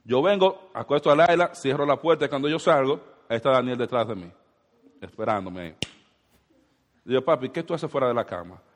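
A man's voice: mid-range voice, animated, a little fast, in a large hall, slight background noise. A man in his thirties preaching a sermon as pastor, asking the congregation rhetorical questions.

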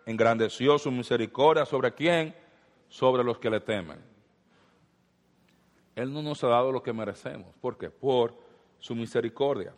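A man preaching a sermon as pastor, addressing the congregation with rhetorical questions and repeated phrases. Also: mid-range voice. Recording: long hall reverb.

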